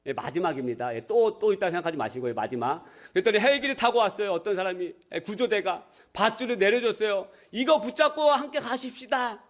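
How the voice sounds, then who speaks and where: A male pastor delivers a Sunday sermon in a church sanctuary, speaking in a high register. He jokes lightly with the congregation and breaks into small acted voices for the people in his anecdotes. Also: expressive, fast talker, hardly any pauses. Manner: playful, acts out voices in anecdotes.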